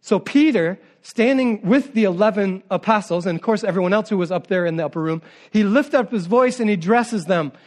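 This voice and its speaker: A man's voice: high voice, fairly quick, few pauses. A male pastor preaching a sermon, retelling the story in a casual, conversational way with offhand asides.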